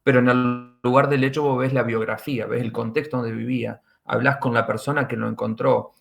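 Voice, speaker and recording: A middle-aged man with an Argentine accent speaks as a forensic doctor in a podcast interview. His voice has a gravelly, rough edge, and he explains step by step, often repeating his key phrases for emphasis. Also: medium pitch. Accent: Argentine Spanish.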